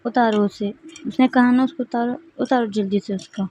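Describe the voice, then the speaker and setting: A woman's voice: a little high, fairly even intonation, moderate pace, darkish tone, dull audio, slight background noise, natural voice. A woman voicing a jealous, possessive young man who scolds angrily in a storybook reading. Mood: angry. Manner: angry, scolding.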